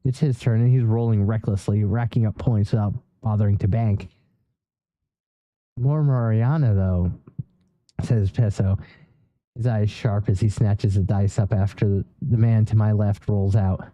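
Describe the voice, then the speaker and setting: Dark-voiced man narrating a solo game. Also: fairly low pitch, steady tone, measured pace, dry recording, low-quality recording. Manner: reads aloud with small stumbles and self-corrections. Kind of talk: first-person role-play narration.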